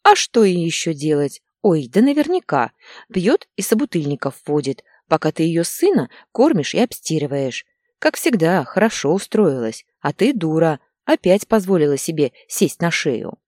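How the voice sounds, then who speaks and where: A woman's voice: deep voice, big pitch swings, moderate pace, darkish tone, dry recording, clean studio sound. A woman voicing a blunt, judgmental older mother who scolds and insists, in an audiobook story. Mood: scolding.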